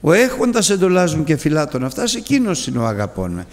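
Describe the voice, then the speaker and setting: A man preaching with a gravelly, animated voice that swings from low murmurs to high, pressing questions. He sounds fairly high for a man. A long hall reverb trails every phrase. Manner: animated, pleading rhetorical questions. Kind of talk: sermon.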